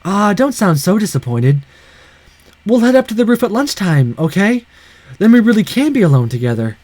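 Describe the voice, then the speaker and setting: A gentle schoolgirl girlfriend speaking sweetly and reassuringly, read by a man in nearly his own voice. His tone moves up and down a lot, heard dry and close. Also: high-pitched, very animated, moderate pace, no echo, voice pushed up.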